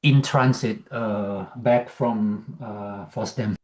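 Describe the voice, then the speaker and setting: Hesitant low-voiced man on a work call. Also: fairly even intonation, a little mellow. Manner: hesitant, many pauses, explanatory. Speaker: meeting participant. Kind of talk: online work meeting discussion. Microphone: video call microphone.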